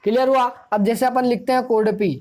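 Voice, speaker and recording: Higher-pitched woman teacher drilling grammar. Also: fairly even intonation, fairly quick, warm tone. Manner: asks the class questions and answers them, repeats key points; explanatory, drilling tone. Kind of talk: Hindi grammar lesson for exam students.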